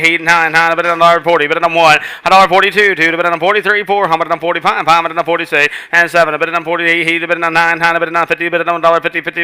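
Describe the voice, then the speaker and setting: A man's voice: fairly high pitch, pushed and bright, clean tone. A man working as a livestock auctioneer, calling bids in a rhythmic rolling chant that repeats numbers.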